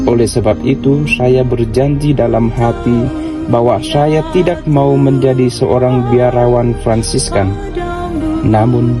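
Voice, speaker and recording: A young adult man from Vietnam, speaking, giving a reflective testimony of his vocation as a Capuchin friar. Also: mid-range voice. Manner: slow, measured, reflective. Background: music.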